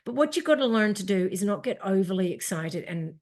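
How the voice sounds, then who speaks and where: A woman's voice: medium pitch, lively intonation, a little fast, darkish tone. An Australian woman co-hosting a running podcast, chatting casually in a blunt, emphatic way. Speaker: podcast co-host. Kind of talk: casual chat.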